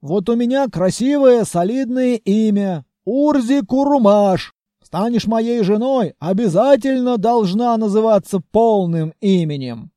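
A man's voice: sits high, animated, a little slow, hardly any pauses, warm tone, no echo, studio quality, voice pushed up. A man doing a pompous blustering suitor. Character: pompous boastful male suitor captain.

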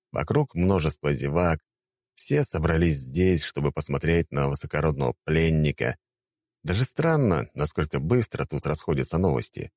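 A man narrating an audiobook in the first person, wry and expressive. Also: very deep voice, dry recording, studio quality.

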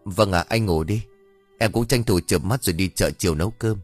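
A man voicing a gentle young wife, talking in a soft, caring way. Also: sits low, fairly quick, breathy edge, dry recording, soft background music. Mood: worried caring.

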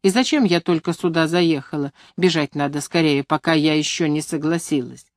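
A woman voices a young agronomist caught between doubt and temper, speaking in a low, close voice. There is no room echo at all, just a dry studio read of an audiobook. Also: moderate pace, lightly acted. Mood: anxious. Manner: anxious, hesitant, then sharp and scolding. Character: young woman agronomist, flustered but fiery.

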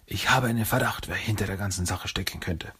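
A man voicing a wise old male rat master in a storybook reading, calm and admonishing. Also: low voice, brisk, slightly rough, full character voice. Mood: stern.

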